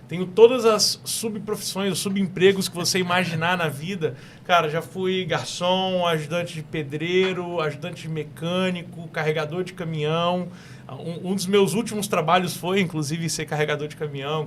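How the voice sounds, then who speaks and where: This guest entrepreneur on a talk show is a young man from Espírito Santo, Brazil, with a local Brazilian Portuguese accent. He talks eagerly in a fairly bright, slightly high voice, frequently looping back to repeat or restart what he's saying. There's a faint hiss in the background.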